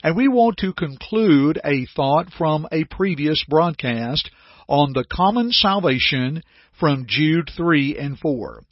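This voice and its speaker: A man hosting a radio Bible study, speaking in a dense radio broadcast voice with a steady, earnest preaching delivery. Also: fairly high pitch, slow pace, dry recording. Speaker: radio Bible program host. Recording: dry, slightly dull radio studio sound.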